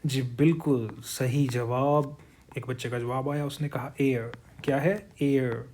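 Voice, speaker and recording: A man teaching English grammar in Hindi, with Hindi-accented English, drawing out example words slowly and teasing his students playfully. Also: medium pitch, fairly even intonation, a little mellow, slight background noise. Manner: playful, teasing, calls students "buzurgon" and "bhaiya ji"; repeats words slowly for pronunciation drill. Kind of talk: online grammar lesson.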